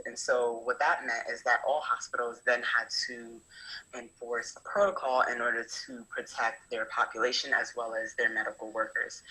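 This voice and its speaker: A young adult woman from New Jersey, USA, a medical student intern, methodically explains a hospital's procedures, drawing on experience in a prepared talk with frequent fillers. Her voice is extremely low in pitch with a sharp tone. The audio quality is poor.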